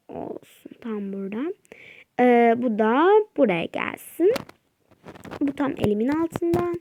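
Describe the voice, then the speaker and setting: A woman hosting her own gaming channel, giving chatty, excitable let's-play commentary and crying out during the game. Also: a little high.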